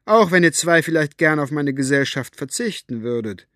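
A man voicing a sharp-tongued, bossy older woman who calls out loud, commanding and mocking. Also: a little high, expressive, moderate pace, dry recording, clean studio sound, voice pushed up.

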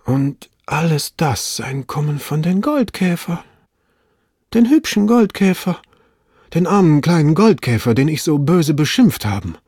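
Storybook figure: an awestruck, sighing male servant, put on by the male reader, pitched up and loud, slow and exclaiming. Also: sing-song, husky, no echo, clean studio sound, heavily acted. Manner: slow, exclaiming, half talking to himself.

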